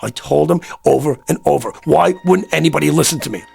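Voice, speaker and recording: A man acts as an agitated, desperate American in a vintage radio drama, pleading insistently in streetwise talk with a troubled, insistent mood. His voice is a little high, quick, husky and darkish with vocal fry, exaggerated, over soft background music.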